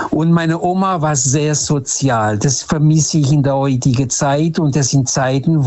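A man's voice: medium pitch, a little mellow, muffled recording. A man from Portugal speaking German, telling personal stories in an earnest, reflective way with frequent hesitations. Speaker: interviewee. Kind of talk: casual storytelling conversation.

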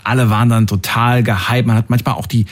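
Ein Mann Ende dreißig aus Thüringen moderiert eine Anrufsendung im Radio und plaudert locker mit Füllwörtern. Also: male voice, medium pitch, little pitch movement, fast. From Thuringia, Germany. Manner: chatty, reminiscing, with fillers. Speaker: radio call-in host. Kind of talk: radio call-in show.

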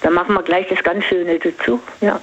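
Ältere Anruferin, stockend, dumpfer Telefonklang. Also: female voice, lowish voice, fairly even intonation, fairly quick. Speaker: caller. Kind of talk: personal confiding talk. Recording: dull phone line.

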